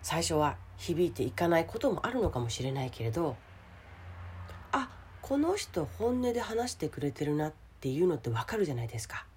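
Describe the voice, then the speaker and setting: A woman with a hoarse, gravelly voice gives a casual motivational solo talk as a radio host, speaking directly to the listener. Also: deep voice, big pitch swings, fairly quick, a little hiss or hum. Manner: addresses the listener directly with questions and soft sentence-ending particles. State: hoarse today.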